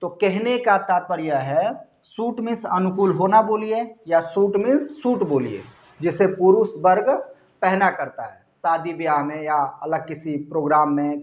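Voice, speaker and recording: Man teaching lesson, spells out words, quizzes children, slow delivery, echoey dull recording. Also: a little high. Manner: spells words letter by letter and repeats key answers; asks the children questions and answers them himself. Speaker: English teacher. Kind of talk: classroom grammar lesson. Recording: echoey room, dull lo-fi sound.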